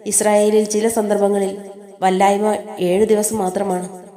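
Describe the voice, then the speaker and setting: A woman reading the lines of a scheming middle-aged king from a play script, in an even reading voice. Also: mid-range voice, unhurried, close to an everyday voice. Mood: persuasive. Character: King David, a middle-aged male king, smooth-talking and scheming. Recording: echoey room.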